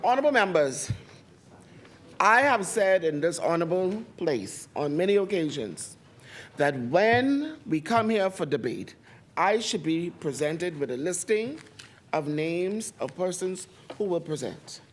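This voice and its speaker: A high-pitched man with a Bahamian accent presides over a parliamentary debate. He speaks in formal procedural language and insists on his point by repeating phrases. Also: very animated, measured pace, fairly bright tone. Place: parliament chamber.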